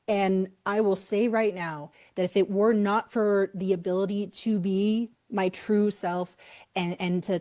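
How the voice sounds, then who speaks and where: A woman's voice: mid-range voice, mellow. A woman with a Boston accent, an author talking earnestly and emphatically as a guest in an interview. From Boston area. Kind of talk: casual interview talk.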